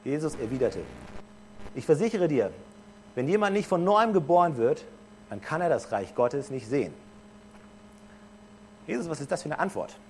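A man preaching a sermon in a lively, conversational way, speaking straight to his listeners. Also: on the high side, normal speed, long pauses, slight background noise.

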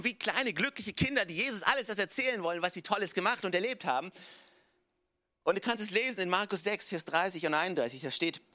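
Man, pastor, sermon, high-pitched, animated casual storytelling, English "come on" asides.

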